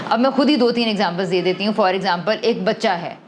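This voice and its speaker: Speaking at a medium pitch against slight background noise, a woman who is an adult parent joins a podcast to discuss emotional wellbeing. Her explanations are conversational and considered, sprinkled with English terms and marked by frequent sentence restarts.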